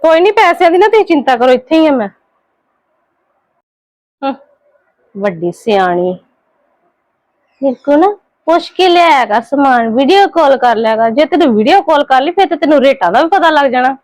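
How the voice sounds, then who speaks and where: A woman acting a scheming younger sister-in-law in a home drama skit, quick and defensive while sweet on the surface. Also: high voice, very animated, darkish tone, no room sound. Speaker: actor in a family skit.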